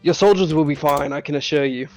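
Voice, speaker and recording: A man voicing a short, fat, pompous lord in a tabletop game, a mustache-twirling villain who is smoothly dismissive and evasive. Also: on the high side, quick pace, soft background music, natural voice.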